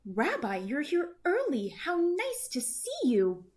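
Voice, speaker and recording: Kindly elderly hostess for a picture book, played by a woman: chatty, fussing, exclaiming, raised pitch. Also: huge pitch swings, takes it slowly, full character voice. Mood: bright, welcoming. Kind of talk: children's storybook read-aloud.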